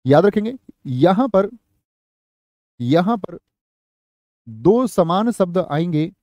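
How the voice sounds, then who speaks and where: A young man teaching an online exam-prep class, repeating phrases slowly for students to write down and calling on them by name. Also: on the high side, dark tone, no room sound, muffled recording. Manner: slow, repeats phrases for dictation, addresses students.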